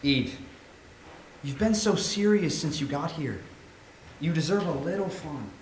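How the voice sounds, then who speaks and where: In a sci-fi stage reading, a man plays a charming, flirtatious, teasing doctor in a Martian colony, with a playful, theatrical delivery. His fairly high voice is expressive and unhurried. The theatre recording sounds roomy, with faint noise.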